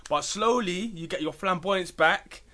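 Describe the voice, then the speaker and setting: A man's voice: high voice, unhurried, pushed and bright. A man with a London roadman accent, chatting casually in street slang. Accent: London, urban street slang style. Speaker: father. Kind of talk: casual group chat.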